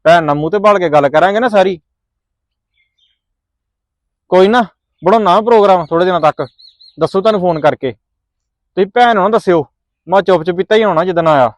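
Man playing a consoling younger brother, calm, high voice, dry close sound. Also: a little fast, long pauses, dry recording, lightly acted. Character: younger brother of the mother, reassuring on a call. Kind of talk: family drama vlog acting.

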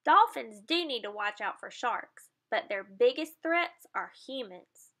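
A woman's voice: fairly high pitch, expressive, a little slow, fairly bright tone. A woman reading a children's picture book aloud, explaining the pictures and adding playful sound effects.

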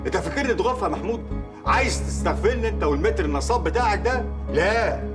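A man's voice: high voice, expressive, very fast, over music. An actor playing an angry Egyptian businessman who mocks and threatens the people who cheated him. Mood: threatening. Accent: Egyptian Arabic. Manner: mocking, accusing, threatening. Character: angry, scornful man confronting cheats. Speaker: Hajj Saleh, a swindled businessman. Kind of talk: TV drama acting.

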